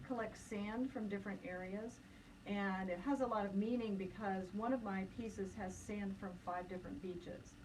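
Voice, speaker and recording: A woman's voice: mid-range voice, normal speed, a little mellow. An eager, talkative woman art teacher speaking as a radio guest. She sounds a bit distant from the microphone, with a light hiss behind her voice. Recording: voice a little off-mic with light noise.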